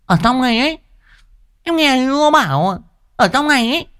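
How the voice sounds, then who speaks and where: A hulking bully of a neighbor woman who bellows and threatens, her words mangled by a thick lisp, as a woman acts her out for a ghost-story audio drama. The voice rides high and swings wildly up and down. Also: animated, normal speed, fairly bright tone, clear, resonant tone. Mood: coaxing. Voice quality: mispronouncing, lisping speech.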